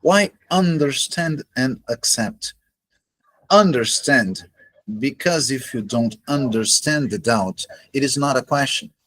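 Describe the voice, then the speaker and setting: Speaking slowly in a husky voice with an animated, fairly bright tone, a man who teaches astrology gives a solo explanatory lecture; his first language is Portuguese. He's measured and deliberate, pausing between phrases, and the home recording is poor in quality.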